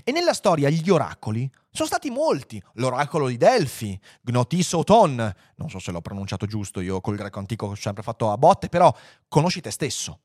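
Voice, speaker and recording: Animated man reading and lecturing. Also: medium pitch, a little fast, few pauses, dry recording, clean studio sound. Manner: animated, amused, conversational. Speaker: lecturer on philosophy and literature. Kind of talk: reading aloud and commenting, casual lecture.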